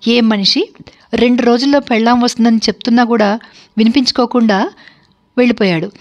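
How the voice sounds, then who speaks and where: A woman's voice: fairly high pitch, steady tone, brisk, darkish tone, lo-fi sound, natural voice. A woman voicing a simple, kindly older village woman who chatters innocently, in a spoken story. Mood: chattering.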